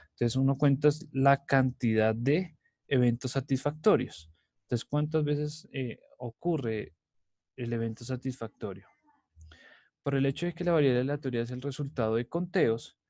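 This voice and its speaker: A man's voice: mid-range voice, dark tone, no room sound. Repetitive Spanish-speaking male math teacher. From Colombia. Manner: repetitive, many "entonces" and "¿sí?" checks. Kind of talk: recorded lecture.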